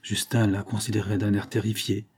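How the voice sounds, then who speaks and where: A man narrating a classic novel aloud in a steady, measured reading. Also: fairly low pitch, breathy edge. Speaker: audiobook narrator. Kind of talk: scripted narration.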